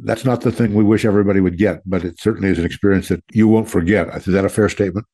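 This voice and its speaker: A man's voice: low voice, steady tone, racing, dark tone, slightly rough, dry recording. A man hosting a veteran talk radio show, greeting listeners as troops and interviewing a guest in a folksy way.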